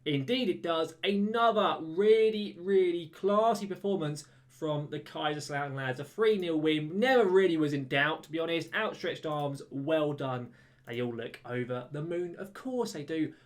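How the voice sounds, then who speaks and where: A man giving casual, chatty commentary over a football management game, getting excited when goals go in. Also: a little high, moderate pace. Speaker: gaming YouTuber. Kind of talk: let's-play commentary.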